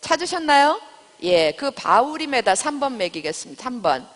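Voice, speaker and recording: A woman's voice: high-pitched, sing-song, normal speed, big-room sound. A woman teaching a Bible study class in church. She quizzes her listeners and retells scripture in plain everyday speech.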